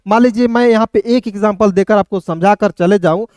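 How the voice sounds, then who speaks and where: A man's voice: sits high, a little fast, a little mellow, no room sound, studio quality. A man teaching an online language lesson, spelling words out letter by letter and repeatedly asking his viewers questions, then answering them himself. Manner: keeps addressing viewers as friends. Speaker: English teacher.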